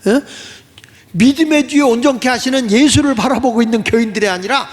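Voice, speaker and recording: A man's voice: very high voice, fast talker. A man preaching a sermon as a pastor, telling a story animatedly and acting out the voices of the people in it. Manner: animated, acts out quoted voices. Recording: long hall reverb.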